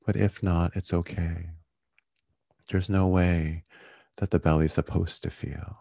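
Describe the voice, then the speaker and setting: Man, meditation guide, low mellow voice, soothing yoga-teacher delivery, gentle, close dry sound. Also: little pitch movement, a little slow, vocal fry, no echo. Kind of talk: guided body-scan meditation.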